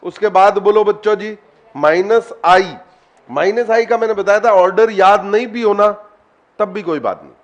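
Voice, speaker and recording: At a moderate pace, a high-voiced man leads an online chemistry session. He keeps questioning the students, encourages them to respond, and picks them out by name.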